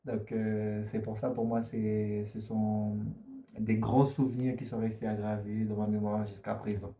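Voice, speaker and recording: Guy answering interview questions, dark mellow voice, keeps restarting words, roomy echo. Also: lowish voice, level tone, unhurried. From French Guiana. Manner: earnest, repeats and restarts words often. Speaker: interview guest.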